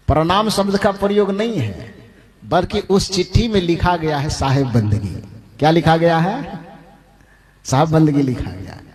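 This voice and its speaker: A male preacher giving a devotional discourse. He poses rhetorical questions, answers them himself, slows down to stress names, and chuckles often while speaking. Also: high voice. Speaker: religious preacher.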